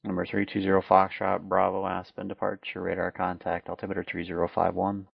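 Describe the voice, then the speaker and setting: Flat, gravelly male air traffic controller. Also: low voice, a little fast, no echo. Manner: procedural, clipped phraseology. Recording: dull, lo-fi radio sound.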